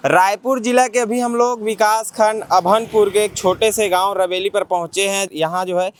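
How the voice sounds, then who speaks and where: A man's voice: high voice, fairly even intonation, moderate pace. A man reporting from a village school and questioning pupils, talking in long, repetitive run-on phrases. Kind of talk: field report and interviews.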